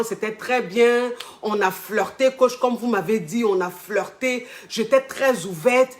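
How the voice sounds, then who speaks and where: A woman voicing a hesitant young woman client who talks in a soft, low, subdued way. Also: natural voice.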